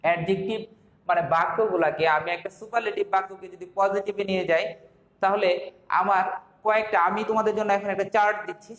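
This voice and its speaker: High-voiced Bangladeshi teacher in echoey room. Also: male voice, a bit bright. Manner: explains step by step with rhetorical questions. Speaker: English teacher. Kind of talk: online classroom lesson.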